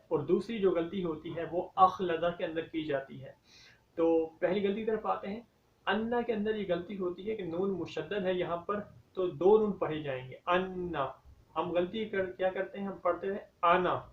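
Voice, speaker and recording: Man teaching Quran recitation, echoey room. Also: sits high. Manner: explains common mistakes, then recites verses slowly and drawn out. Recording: dull, echoey, from a distance.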